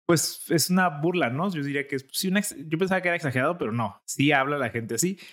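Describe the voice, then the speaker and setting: A man, co-hosting a podcast in casual chat and telling stories in a relaxed way. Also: fairly high pitch, quick pace. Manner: relaxed storytelling, quotes himself. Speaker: podcast co-host.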